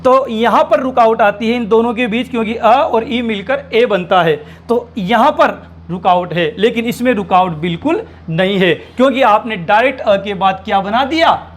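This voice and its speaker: A man with a strikingly high voice teaches a grammar lesson to exam students. He works through examples step by step and keeps asking the class rhetorical questions. When he spells out single sounds he slows down and draws the words out.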